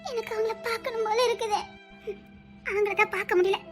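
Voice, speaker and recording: A woman with a Tirunelveli Tamil accent, voicing a lovesick young woman in an animated story who pines plaintively for her beloved. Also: very high-pitched, brisk, soft background music. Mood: pining. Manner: pining, plaintive.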